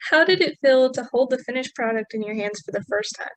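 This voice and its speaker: Dry, higher-voiced woman interviewer. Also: animated, a little fast, a bit bright, no echo. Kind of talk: casual interview. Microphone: video call.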